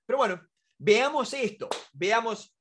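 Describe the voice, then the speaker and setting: Very high-pitched and a bit bright, his voice carries lively intonation at an unhurried pace, with slight background noise. He's a Córdoba-born Argentine in his forties, a negotiation expert and instructor, lecturing informally to camera from a desk indoors. His Argentine Spanish-accented delivery is emphatic and packed with rhetorical questions.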